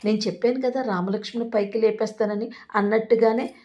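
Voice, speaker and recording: A woman's voice: fairly high pitch, steady tone, fast talker, lo-fi sound, lightly acted. A woman reading a smug, scheming young husband. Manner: boastful.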